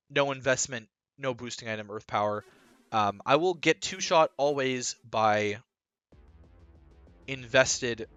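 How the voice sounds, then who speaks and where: A man's voice: on the high side, pushed and bright, no echo. A man talking casually as a team coach, explaining his strategy in a rambling way full of ums and uhs.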